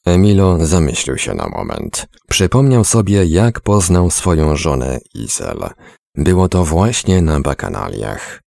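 A male storyteller reads in a deep, gravelly voice with a lively rise and fall. He sounds close to the mic in a dry space. The pace is measured and expressive. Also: no echo. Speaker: narrator. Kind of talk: storybook narration.

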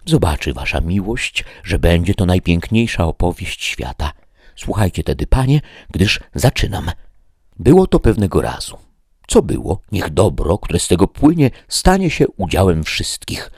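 A man voicing a timid, pleading peasant squire who talks high and strained. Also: sing-song, normal speed, darkish tone, husky, dry recording, clean studio sound, exaggerated voice. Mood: eager.

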